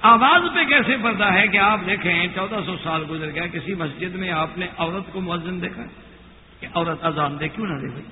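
Man preaching, gets loud and emphatic, chants verses, echoey hall, phone-like sound. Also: sits high, background noise. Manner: rhetorical, swings from quiet asides to loud emphatic declaring; chants Quranic verses in Arabic. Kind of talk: sermon. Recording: echoey hall on a tinny lo-fi line.

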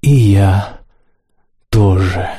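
A man voicing a spiteful, affected male theater critic with a creaky, squeaky voice, coquettish and insolent. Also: extremely slow, mellow, exaggerated voice. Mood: coquettish, mocking. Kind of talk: audiobook character reading.

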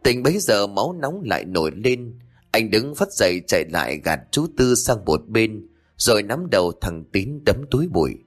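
Low-voiced man telling a ghost story. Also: very animated, moderate pace, soft background music. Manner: dramatic storytelling.

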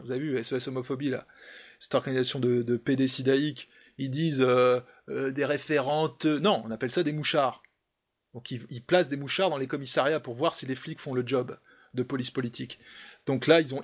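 A man hosting a casual podcast discussion, talking in a hesitant, sneering way with many fillers and restarts. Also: medium pitch. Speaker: host.

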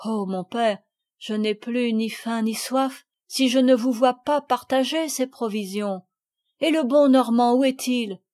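An earnest, loving young boy, as the woman reading puts him on, speaking in a pleading, tender way. His voice sits high. This is a storybook audiobook. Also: unhurried, darkish tone, close to an everyday voice.

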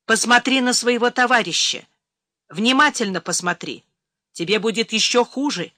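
A woman narrator voicing a tough, commanding male agent who speaks slowly through clenched teeth. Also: a little high, expressive, bright, forceful tone, no echo, clean studio sound. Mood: grim.

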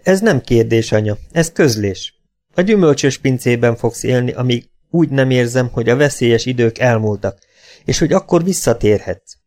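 A man's voice: mid-range voice, lively intonation, a little mellow, close to an everyday voice. A man voicing a tense grown son who firmly insists to his old mother, in an audiobook. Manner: firm, insistent, sometimes pleading. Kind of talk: audiobook character voice.

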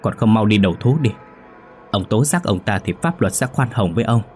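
A man's voice: lowish voice, animated, fairly quick, a little mellow, soft background music, close to an everyday voice. A man reading the lines of a frightened, grieving middle-aged wife in a ghost story, with a pleading, raised voice. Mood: reproachful.

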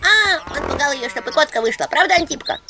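A squeaky, anxious little female imp with a fluffy, chatty fretfulness, as a woman puts her on. Her high voice leaps all over and has a gravelly edge. Music plays behind her in this storybook reading. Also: wildly swooping pitch, a little fast, heavily acted. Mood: fretful, squeaky. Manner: squeaky, fretful, rising pleas. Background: background music.

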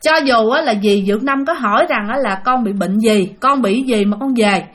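High-voiced woman storyteller. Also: moderate pace, a bit bright. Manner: chatty, addresses listeners directly. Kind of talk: spoken ghost story narration.

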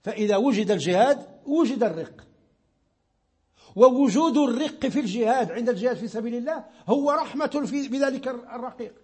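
A man's voice: very high-pitched, expressive, brisk, mellow, breathy edge. A Moroccan man giving a religious lesson on Islamic law, explaining patiently and repeating words as he searches for them. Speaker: sheikh teaching Islamic law.

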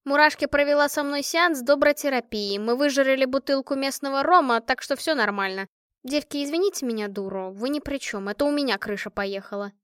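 A woman's voice: sits high, brisk, fairly bright tone, no room sound, pitched above the performer's own voice. A woman voicing a tired, tough young orphan girl soldier who speaks bitterly and coarsely, close to tears, in an audiobook. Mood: heated apologetic.

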